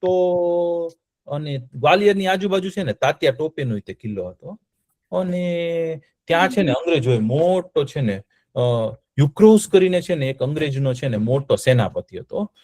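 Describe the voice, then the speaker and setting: A man's voice: on the high side, expressive, moderate pace, darkish tone, no room sound, studio quality. A man telling a history story to children, often stopping to quiz them with check-in questions.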